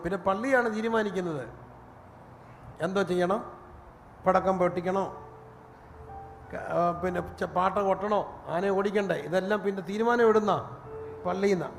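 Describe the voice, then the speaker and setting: A man preaching a sermon as pastor, telling stories with animated delivery and rising to a shout. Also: high-pitched. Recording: long reverb, faint room noise.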